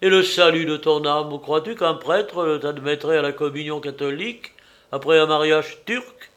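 A man doing an excitable, pleading old father. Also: fairly high pitch, creaky, voice pushed up. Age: older. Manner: loud, exclamatory, imploring. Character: older father, gentle but excitable, pleading.

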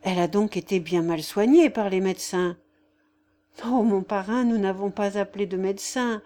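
A woman's voice: mid-range voice, moderate pace, warm tone, natural voice. A woman reading a novel aloud voices a simple, devout young peasant girl with artless, rustic phrasing. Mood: earnest. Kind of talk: audiobook character voice.

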